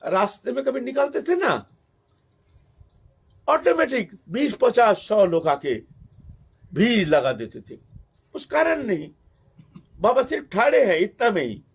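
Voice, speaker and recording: A man, a sadhu, telling a devotional story in a sermon, with animated, repetitive phrasing, in a dull lo-fi recording. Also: extremely high pitch, a little slow, pauses often, slightly rough. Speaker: sadhu preacher.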